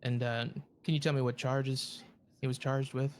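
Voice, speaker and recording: A man role-playing a prosecutor, formally addressing a court with somewhat halting phrasing. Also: mid-range voice, level tone. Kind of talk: improvised courtroom role-play.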